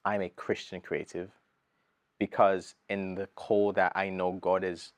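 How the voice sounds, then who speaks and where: A thirty-year-old British gospel artist speaks in an interview in a low, unhurried voice, earnest and animated yet casual, full of slang and saying "bro" a lot. The recording has no room sound.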